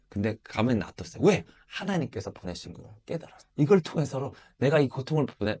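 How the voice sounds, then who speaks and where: A middle-aged man preaching a sermon, who swings from quiet low asides to loud, high exhortations and asks the listeners questions and calls for amens.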